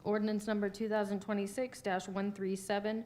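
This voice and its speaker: An American woman giving a flat, official reading of formal minutes and legislation as a clerk. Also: medium pitch, a little fast. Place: indoor council meeting.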